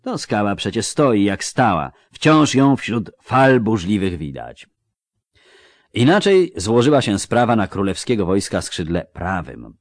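A man reading a story aloud as an audiobook narrator, measured and steady. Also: lowish voice, no echo, studio quality. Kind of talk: scripted narration.

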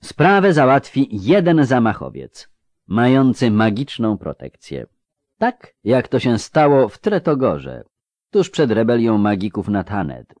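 A man's voice: medium pitch, very animated, a little slow, a little mellow, dry recording. A man reading an audiobook, voicing a male conspirator who persuades his fellow plotters. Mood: persuasive. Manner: persuasive, rousing.

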